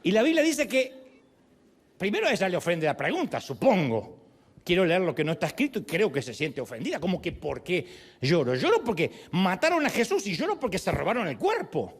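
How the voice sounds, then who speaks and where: Man, pastor, preaching a sermon, high voice, dramatic storytelling. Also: a little fast, slightly rough. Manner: animated storytelling, acting out quoted voices.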